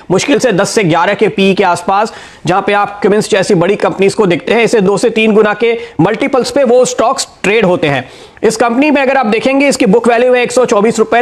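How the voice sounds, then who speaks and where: A man giving a steady stock market analysis and talking straight to viewers, explaining why he recommends each share. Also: sits high.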